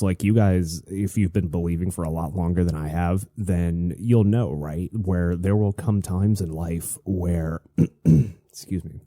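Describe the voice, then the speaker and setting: Male solo show host: low, dark and slightly stuffy, casual confessional delivery with halting restarts. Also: dry recording, clean studio sound.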